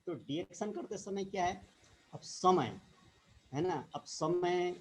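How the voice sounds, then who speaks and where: A man giving an informal motivational talk as a direct-selling distributor, repeating himself, adding tag questions and often clearing his throat. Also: high-pitched, expressive, takes it slowly, slight background noise, rough recording.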